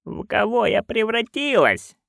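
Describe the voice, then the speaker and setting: A man's voice: sing-song, creaky, a bit bright, no echo, clean studio sound, full character voice. Man doing a hissing, furious old witch. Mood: raging. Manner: hissing, growling, slow and low.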